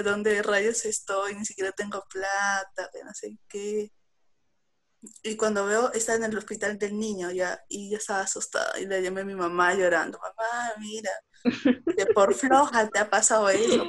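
A young woman with a Peruvian Spanish accent, telling a story to friends in casual chat and quoting herself as she goes. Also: mid-range voice. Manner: animated storytelling, quick bursts, quoting herself.

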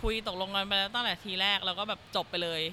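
A woman's voice: mid-range voice, fairly even intonation, fast, pushed and bright, slight background noise. A woman guest telling her experiences in a chatty, rambling way, full of fillers. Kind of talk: casual conversation.

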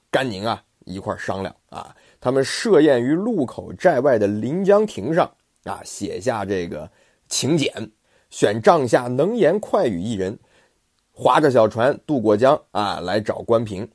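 A man's voice: mid-range voice, animated, measured pace, darkish tone, dry recording, studio quality. A man retelling a classic tale in a chatty, colloquial storytelling style with asides.

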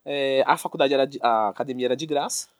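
A man, a fitness expert telling his story as an interview guest, animated and acting out quoted dialogue. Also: mid-range voice, fast, no room sound, studio quality.

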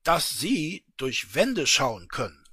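A man voicing a bullying, blustering male chief of a secret office, loud, scolding and sarcastic. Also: a little high, big pitch swings, slow, breathy edge, no echo, studio quality, heavily acted.

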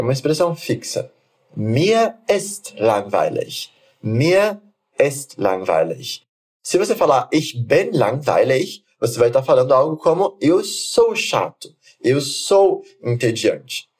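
A man teaching German, saying phrases slowly for the learner to repeat and then explaining them quickly. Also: medium pitch, a little mellow. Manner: slow, deliberate model phrases alternating with quick explanations. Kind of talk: language lesson with repeat-after-me drills.

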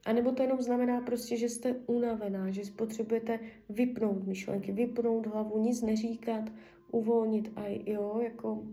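A woman's voice: fairly high pitch, flat delivery, mellow, far from the mic. A woman leading a spiritual healing session, addressing her client and murmuring repetitive incantations and half-whispered prayers. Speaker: spiritual healer.

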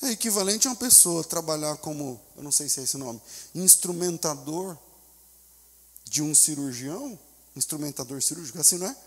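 Man, Brazilian Portuguese accent, pastor preaching a sermon, raspy, quiet asides to loud shouts, reverberant church hall. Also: fairly high pitch, animated, fairly quick. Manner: acts out voices of church members and a desperate mother.

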